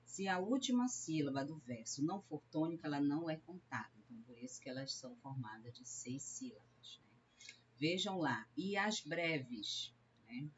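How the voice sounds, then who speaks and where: Woman teacher from Brazil, low-pitched, methodical lecturing with frequent "né?" checks. Slightly dull recording. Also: expressive, a little hiss or hum. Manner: explains step by step, often adds a questioning "né?"; sounds out syllables slowly when counting verse. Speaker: literature teacher.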